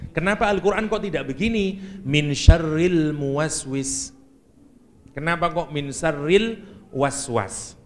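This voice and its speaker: A man with a Javanese accent giving a joking, lively lecture on Quranic exegesis as an Islamic preacher. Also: a little high. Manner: lively, joking, mixes Javanese and English words.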